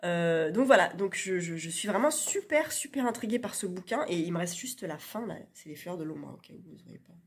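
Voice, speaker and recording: A woman's voice: lowish voice, animated, a little fast, hardly any pauses, slight background noise. A woman chatting casually in a reading vlog, talking into her phone with many fillers and restarts. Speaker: book vlogger. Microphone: phone camera. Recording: phone on a stand, dim light.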